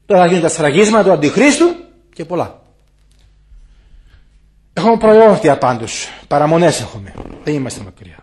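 An older man, an elder monk, giving an impassioned spiritual talk to visitors in a monastery guest room, moving from loud warnings to hushed asides. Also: on the high side, sing-song, pauses often.

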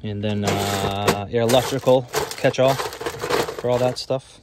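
A man's voice: mid-range voice, steady tone, slow pace, heavy background noise. A self-employed HVAC technician giving a casual, rambling tour of the gear in his work van, listing items with many fillers.

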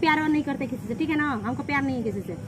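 A woman's voice: sits high, very fast. A woman arguing a male friend by a road, insistent and scolding, faint traffic behind. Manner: insistent, scolding, repeats "ठीक है ना?". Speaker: prank vlog participant. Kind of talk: heated casual argument. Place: outdoors by a road.

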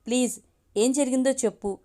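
A woman reading the lines of a kind young woman office worker, in a soft, coaxing way. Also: fairly high pitch, moderate pace, lightly acted. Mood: gentle.

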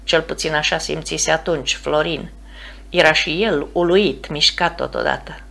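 A woman narrating an audiobook in a steady, measured reading voice. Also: low voice, creaky. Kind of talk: scripted narration.

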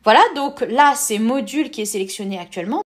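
Woman host, casual tutorial talk, slightly high voice, steady step-by-step explaining. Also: fast talker. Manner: step-by-step explaining with filler words.

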